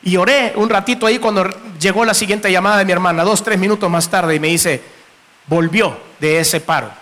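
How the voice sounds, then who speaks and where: A man's voice: high-pitched, a little fast, a bit bright. A man preaching a sermon, telling a personal testimony with earnest emotion and rising to fervent exhortation.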